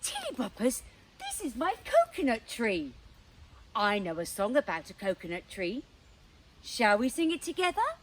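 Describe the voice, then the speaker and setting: A young woman presenting a children's show, talking to young viewers in an animated, exaggerated way. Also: fairly high pitch, moderate pace, distant mic, slight background noise.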